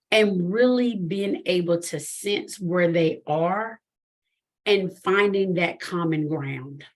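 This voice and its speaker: Woman coaching client, thoughtful and affirming, lower pitch, slow delivery. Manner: thoughtful, affirming, soft murmured agreement. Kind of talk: coaching session.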